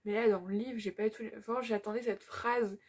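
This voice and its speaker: A woman's voice: mid-range voice, fairly even intonation, fairly quick, darkish tone, slightly rough. A young woman giving a casual, chatty book-vlog update, gushing with lots of fillers. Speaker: book vlogger.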